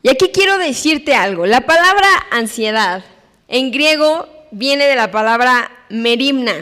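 Woman preacher, unhurried expressive sermon delivery, long hall reverb. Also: high voice. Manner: expressive, acts out voices in her stories.

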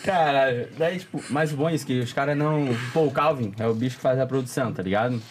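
A man's voice: mid-range voice, quick pace, slight background noise. A young man, chatting casually as a podcast guest, full of slang and frequent laughter. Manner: slangy, laughs often, animated storytelling.

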